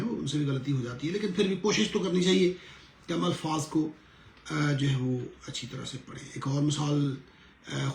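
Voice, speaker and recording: Middle-aged male pastor, earnest teacher who drills words slowly; gravelly, roomy echo. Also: fairly high pitch, darkish tone, a little hiss or hum. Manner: earnest, repeats words slowly to show correct pronunciation. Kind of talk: sermon-style lesson.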